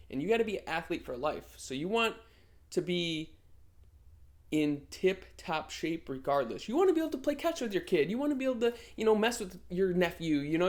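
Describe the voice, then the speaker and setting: A man in his thirties talking in a casual vlog, brash and motivational, swearing freely. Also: fairly high pitch. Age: 30s. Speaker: vlogger.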